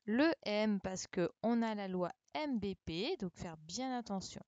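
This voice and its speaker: A woman's voice: medium pitch, expressive, unhurried, a little mellow, no room sound, muffled recording. A woman teaching young pupils over a live stream, correcting a dictation and spelling words out letter by letter with a patient, checking manner. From France. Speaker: primary school teacher. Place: home setup for an online class. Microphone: computer microphone for a live stream.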